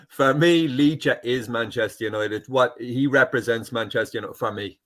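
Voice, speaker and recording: A man's voice: mid-range voice, a little slow, fairly bright tone. A man on a football podcast speaking earnestly, with some teasing asides. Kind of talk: casual football podcast chat.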